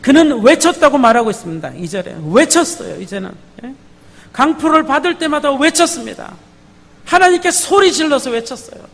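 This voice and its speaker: A man's voice: extremely high pitch, animated, normal speed, creaky, fairly bright tone. A man preaching a sermon as pastor, emphatic, often asking the congregation for a response. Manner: emphatic, calls out to the congregation with repeated "예?". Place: church sanctuary. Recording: long hall reverb, faint background noise.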